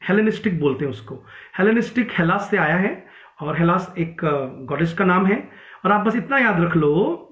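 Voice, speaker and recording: A male English literature teacher with a high voice gives an online exam-prep lecture, mixing Hindi and English and filling his talk with fillers and restarts. The audio is tinny and phone-like, with a noticeable room echo.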